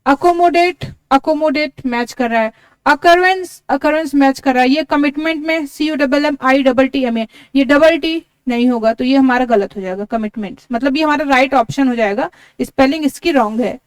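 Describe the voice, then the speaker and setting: Woman teacher, high voice, dry close sound, spells words letter by letter. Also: normal speed, dry recording. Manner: explains step by step, repeats words. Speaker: English teacher. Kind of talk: exam-prep lesson.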